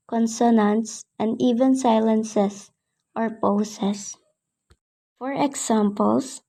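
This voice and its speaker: A woman reads her class presentation slowly. Her voice is slightly high but mellow. She works through definitions and examples in short phrases. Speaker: student presenter.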